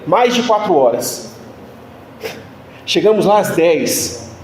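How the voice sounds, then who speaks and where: High-voiced pastor telling a story. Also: male voice, expressive, slow pace, a little mellow, a little hiss or hum. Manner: humorous, self-mocking anecdote telling. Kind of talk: storytelling sermon. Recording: echoey room sound.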